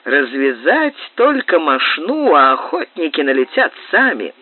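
A woman's voice: deep voice, very animated, unhurried, breathy edge, no room sound. A woman reading a novel aloud with emotive, melodic expression. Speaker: audiobook reader. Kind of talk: expressive literary narration. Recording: tinny lo-fi digitized tape.

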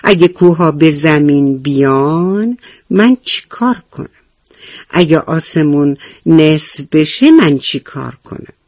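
A woman's voice: deep voice, expressive, a little mellow, dry recording, muffled recording. A woman voicing a timid, jumpy little rabbit who panics easily and talks in frightened pleading. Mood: panicked.

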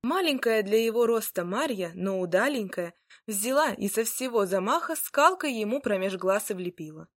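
A woman storyteller giving an expressive, dramatic fairy-tale reading. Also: medium pitch, moderate pace, hardly any pauses, dry recording, clean studio sound.

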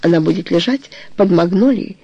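A woman reading a romance novel aloud as an audiobook narrator, in an even, measured way. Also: lowish voice, slightly rough, dry recording, lo-fi sound.

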